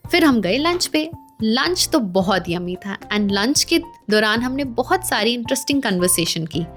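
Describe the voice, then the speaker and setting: High-voiced Indian woman narrating a vlog. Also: big pitch swings, normal speed, faint music behind. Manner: warm, proud storytelling mixing Hindi and English. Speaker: vlogger.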